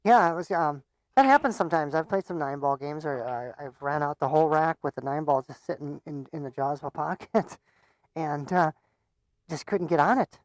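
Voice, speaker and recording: A man's voice: on the high side, normal speed, dry recording. Guy doing casual pool commentary on a stream, chatty, laughs a lot, trips over words, dry close sound. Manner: chatty, laughs often, stumbles and repeats words.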